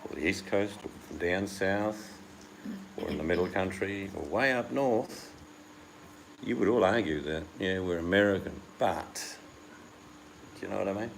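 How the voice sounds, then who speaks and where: A man's voice: sits low, unhurried, gravelly, pauses often, slight background noise, rough recording. A man from the United Kingdom chatting casually and rambling as host, acting out the voices he quotes. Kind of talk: casual chat.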